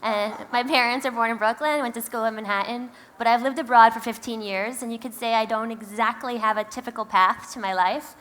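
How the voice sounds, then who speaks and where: A woman's voice: a little high, steady tone, a little fast, few pauses, fairly bright tone, rough recording. A woman with a Queens, New York accent giving a conference keynote in an emphatic, conversational, wry manner. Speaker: company founder, keynote speaker.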